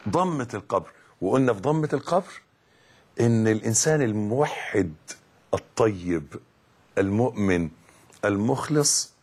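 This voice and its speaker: A middle-aged man with an Egyptian Arabic accent giving a religious lesson as a preacher, emphatic and dramatic, dropping to a hush and then rising loud. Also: medium pitch, breathy edge. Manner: emphatic, dramatic swings between hushed and loud.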